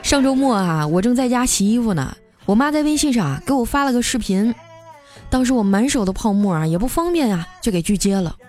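A woman's voice: fairly high pitch, lively intonation, fairly quick, darkish tone. A young woman hosting a podcast and telling funny everyday stories in a playful, laughing way. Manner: playful, laughing, acts out quoted family voices. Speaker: podcast host. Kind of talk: comic storytelling. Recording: music bed under voice.

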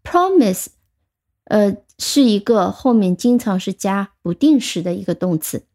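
Warm-toned woman teaching English vocabulary. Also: mid-range voice, lively intonation. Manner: patient, explains step by step, slows down for English words. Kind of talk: vocabulary lesson.

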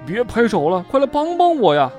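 A storyteller voicing Bengbeng, a young male rabbit who is easily scared and excitable. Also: medium pitch, fairly quick, faint music behind, voice pushed up, lightly acted. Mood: panicked.

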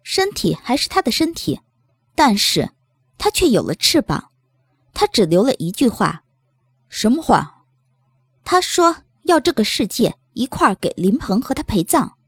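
Woman voicing a teasing base leader, high lively voice, breathy, sly, light. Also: a little slow, dry recording, clean studio sound, exaggerated voice. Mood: grave.

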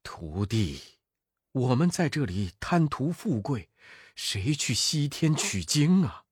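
A man voicing a gentle, anxious elderly male monk who talks low and softly. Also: very animated, slow pace, husky, no room sound, clean studio sound, heavily acted. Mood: fretful. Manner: low, soft, fretting.

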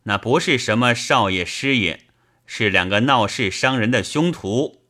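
A man's voice: medium pitch, expressive, unhurried, bright, forceful tone. A man voicing a stern, upright middle-aged official who speaks curtly and commands. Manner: curt and commanding.

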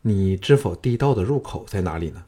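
A male narrator voicing a calm young male hero who speaks softly and reassuringly. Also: low voice, a little fast, breathy edge. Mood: gentle.

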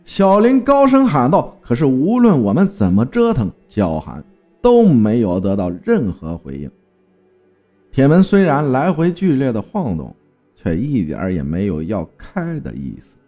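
A man's voice: mid-range voice, huge pitch swings, moderate pace, warm tone, soft background music. A man telling a first-person horror story with dramatic storytelling and terse spoken commands.

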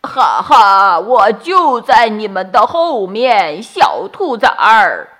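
A woman's voice: mid-range voice, big pitch swings, takes it slowly, exaggerated voice. A woman doing a hungry gloating wolf. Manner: loud gloating laugh.

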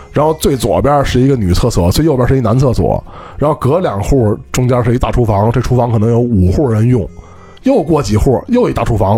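In a casual podcast chat, a co-host from Beijing tells stories in his Beijing accent and keeps checking that listeners follow. His voice is medium in pitch, warm, and slightly rough.

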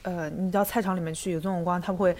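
A woman's voice: lowish voice, fairly even intonation, fast, a little mellow. A woman with a Shanghainese accent, chatting casually as a dialect teacher and co-host. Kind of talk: casual language-lesson chat.

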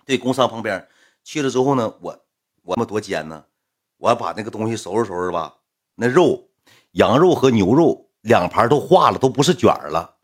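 A young Northeastern Mandarin speaker with a low, animated, breathy-edged voice tells an audience a story at normal speed. His casual delivery is blunt and colloquial, with occasional swearing, as he voices both parties in the conversation.

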